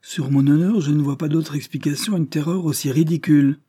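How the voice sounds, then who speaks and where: Un homme qui lit joue un vieux lord sévère et soupçonneux qui interroge gravement sa nièce. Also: male voice, on the low side, normal speed, dark tone. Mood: irrité. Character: stern elderly lord, suspicious and irritable.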